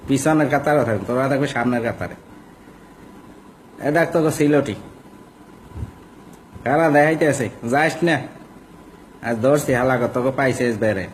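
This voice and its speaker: A man's voice: mid-range voice, moderate pace, long pauses, slight background noise, low-quality recording. A young man with a Barishal Bengali accent, ranting as a vlogger in a coarse, mocking and insulting way. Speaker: social media vlogger. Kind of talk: ranting monologue.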